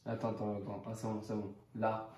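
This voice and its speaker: A man's voice: on the low side, flat delivery, a little fast, dark tone. A young man chatting playfully with his partner, joking around. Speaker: partner of the vlogger. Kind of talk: casual chat. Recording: roomy, with faint background noise.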